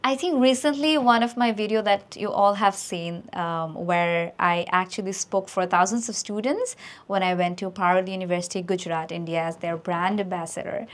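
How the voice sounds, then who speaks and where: A woman's voice: on the low side, very slow. A woman, an actress, answering speaking-test questions in an earnest, rambling, heartfelt way.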